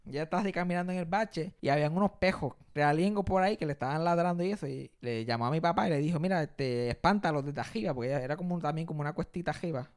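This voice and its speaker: A young Puerto Rican man hosting a podcast, telling family stories in a casual, animated way and laughing often. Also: a little high, quick pace, few pauses. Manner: animated, laughing, crude jokes. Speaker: podcast host. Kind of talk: casual storytelling chat.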